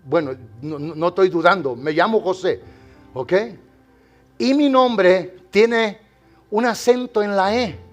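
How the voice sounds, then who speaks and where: Soft music plays behind a man preaching slowly in a high voice. He speaks directly to the congregation, alternating between hushed lines and loud exclamations.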